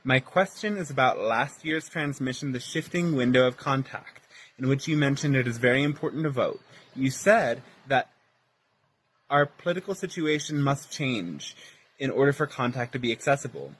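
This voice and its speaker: A man's voice: medium pitch, lively intonation, moderate pace, a bit bright, slight background noise. A man from Pennsylvania politely and earnestly reading out a prepared question. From Pennsylvania, United States. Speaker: viewer with a recorded question.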